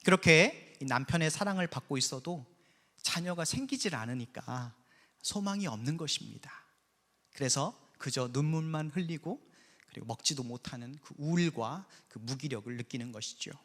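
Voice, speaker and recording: A man's voice: a little high, moderate pace. A man preaching a sermon in a church, telling the story vividly and acting out the quotes himself. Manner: lively storytelling preacher, acts out biblical quotes. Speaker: pastor. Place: church sanctuary. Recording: long hall reverb.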